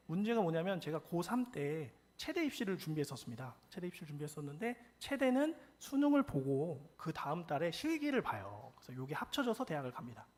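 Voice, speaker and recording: Young male Korean pastor, high, lively storyteller, husky, talks fast. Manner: animated, acts out quoted lines. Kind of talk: storytelling sermon.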